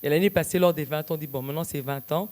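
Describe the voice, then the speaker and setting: Congolese French gospel guest, fervent. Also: male voice, a little high, rapid-fire, a little mellow. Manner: hesitant with details, rising to fervent preaching. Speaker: music group leader, guest. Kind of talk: interview answers, preacherly invitation.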